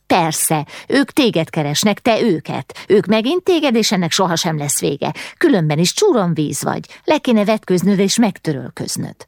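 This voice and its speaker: A woman's voice: fairly low pitch, sing-song, few pauses, darkish tone, dry recording, clean studio sound. A woman reading an audiobook, voicing a cheeky, outspoken little girl who scolds and mocks. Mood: scolding. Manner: mocking, scolding. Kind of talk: audiobook character voice.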